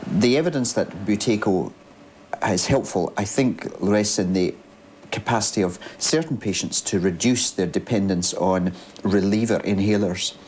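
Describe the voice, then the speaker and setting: An older man with a New Zealand accent, a medical expert who speaks in a cautious, measured way in an office. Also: on the low side, darkish tone, slight background noise.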